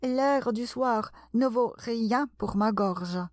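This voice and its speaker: A woman's voice: on the high side, slow pace, no room sound, clean studio sound. A woman reading aloud and voicing a fussy old magpie in a storybook. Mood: fretful. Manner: murmuring, fretful.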